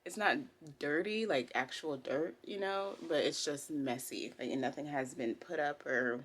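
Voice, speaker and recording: Recorded at home with a little hiss or hum, this casual personal vlog features a costume designer speaking candidly in a low voice at a moderate pace.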